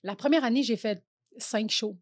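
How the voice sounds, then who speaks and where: A woman's voice: on the high side, normal speed, no room sound. Rambling Québécois woman in her thirties. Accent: Québécois French. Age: 30s. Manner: rambling, lots of fillers and restarts, laughs often. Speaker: comedian guest. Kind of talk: casual podcast chat.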